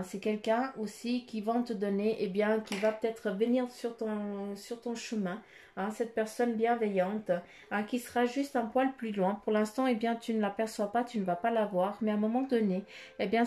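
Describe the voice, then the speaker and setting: A woman's voice: medium pitch, dark tone. A woman giving a casual oracle card reading. She meanders, tags her phrases with little fillers and speaks straight to the viewer. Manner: meandering, with frequent "hein" and "euh" tags; addresses the viewer intimately and directly. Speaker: card reader giving daily guidance.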